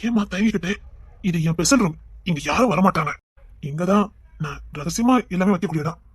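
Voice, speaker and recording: A woman's voice: on the low side, brisk, breathy edge, dry recording, studio quality. A woman voicing a lecherous older man who coaxes and wheedles, in an audio drama. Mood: sly. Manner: coaxing, wheedling, stammering. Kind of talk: Tamil audio drama acting.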